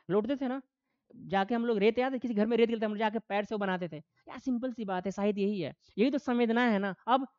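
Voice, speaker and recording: A man's voice: sits high, dry recording, lo-fi sound. A man teaching a classroom lecture, asking his students questions and answering them himself, acting out quoted voices. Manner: animated, acts out quoted voices.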